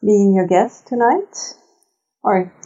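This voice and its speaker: A woman, a chef guest on a podcast, answering in a measured way with many hesitations. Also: medium pitch, animated, dark tone. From Serbia. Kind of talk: interview answers. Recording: tinny phone-like line.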